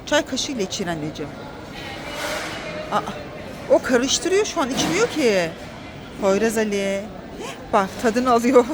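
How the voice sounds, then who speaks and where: A mother filming a family vlog with her children around a car, talking in an animated, excitable way and shouting urgently during pretend chase games. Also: fairly high pitch, measured pace, pauses often, crowd noise, noisy background. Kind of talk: family vlog play-acting with kids.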